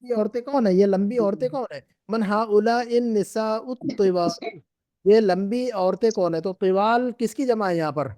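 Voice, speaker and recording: A man's voice: high-pitched, fairly quick, hardly any pauses, mellow, no echo, clean studio sound. A middle-aged man teaching an Arabic class, patiently repeating and drilling words with his students. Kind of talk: classroom lesson.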